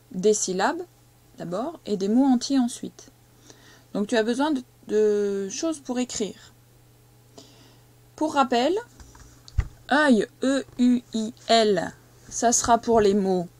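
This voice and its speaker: A woman teaching a young child to read, speaking slowly and patiently and stressing each syllable as she dictates. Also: on the high side, a little mellow, no room sound. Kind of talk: reading and spelling lesson for a young child.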